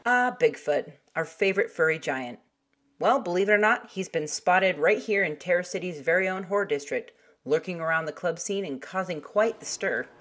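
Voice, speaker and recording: A brash, foul-mouthed puppet co-host trading sarcastic jabs, voiced by a woman. Her voice sits fairly low for a woman, with a cheeky bite. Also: moderate pace, fairly bright tone, soft background music. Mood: sassy. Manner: brash, sarcastic, swears freely.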